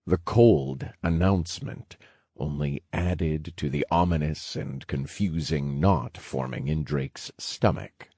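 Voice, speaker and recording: Male audiobook narrator, very deep and husky, slow and measured, dry booth sound. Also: animated, warm tone, no room sound. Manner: measured, wry storytelling.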